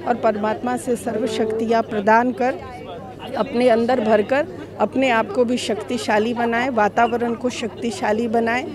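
A woman from a spiritual organization speaking calmly and instructively about meditation to a reporter. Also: fairly high pitch, a little slow. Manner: calm, devotional, instructive. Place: outdoors at a crowded event. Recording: outdoor crowd noise.

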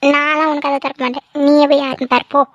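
A woman voicing a cheeky teenage village daughter in a cartoon, talking back quickly with a whiny, sassy manner. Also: high-pitched, level tone, a bit bright, dry recording, lo-fi sound. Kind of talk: cartoon voice acting.

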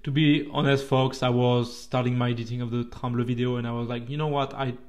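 A man who speaks French natively, with an audible French accent, describes his own rail journey as a railway vlogger. The delivery is laid-back and conversational, now and then a little faltering, in a mid-range voice.

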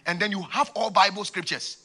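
Husky West African male preacher. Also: high-pitched, a little fast. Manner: animated, repeats phrases for emphasis. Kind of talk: sermon with storytelling. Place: large church auditorium, on stage. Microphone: handheld microphone.

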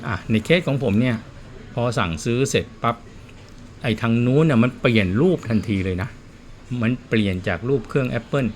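With a medium-pitched, fairly quick voice, a man talks plainly and chattily while repairing watches, spinning stories and casual explanations. Slight background noise can be heard.

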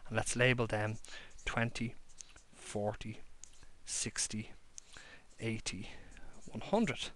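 Speaking slowly and in a level tone, a man with a lowish yet fairly bright voice gives a handwritten whiteboard-style maths lesson as a lecturer. He draws on paper at a desk beneath an overhead camera, explaining every step plainly.

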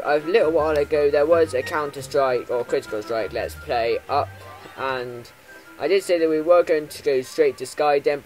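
A young man giving chatty Minecraft let's play commentary, full of ums and self-corrections, jumping from loud bursts down to low mumbles. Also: low-quality recording. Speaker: gaming YouTuber.

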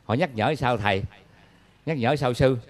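A man's voice: mid-range voice, normal speed. A man with a Southern Vietnamese accent, a Buddhist monk giving a dharma talk in a folksy, humorous way, telling stories and asking the audience questions.

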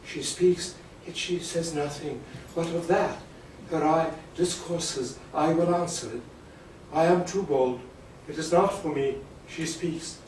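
Romeo, a young lover lost in rapture, murmurs his Shakespearean verse softly, spoken by a man with a fairly high voice. The delivery stays hushed and tender. The recording is very echoey and distant from the mic. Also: takes it slowly, slight background noise. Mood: rapturous. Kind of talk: Shakespeare stage recitation.

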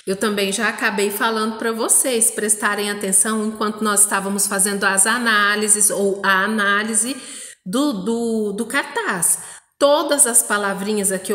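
A Brazilian Portuguese primary school teacher giving a recorded lesson to young children, spelling out syllables slowly and often checking with "não é?". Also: female voice, mid-range voice, fairly bright tone, roomy sound, long reverb tail.

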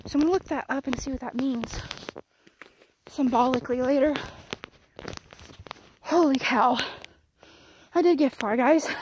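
A woman's voice: high voice, brisk, long pauses, background noise. A young woman vlogging as she walks through the woods, out of breath and rambling to her viewers. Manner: rambling, talks to viewers while walking. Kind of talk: walking vlog in the woods. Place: outdoors in woods.

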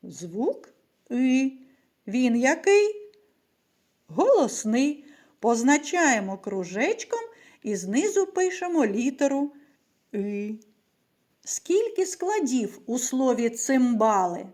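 A patient woman teacher leads young children through a reading lesson. She stretches out her words in an unhurried, deliberate way. Her fairly high voice swings widely in pitch as she asks questions and answers them herself. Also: sing-song, darkish tone. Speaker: primary school teacher.

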